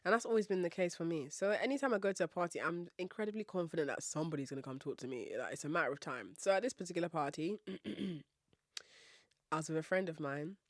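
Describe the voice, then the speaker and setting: A woman's voice: lowish voice, animated, fast talker, dry recording, studio quality. A young woman from Nigeria hosting a podcast, telling a story in a playful, sassy, confident way. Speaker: podcast host. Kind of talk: casual storytelling monologue.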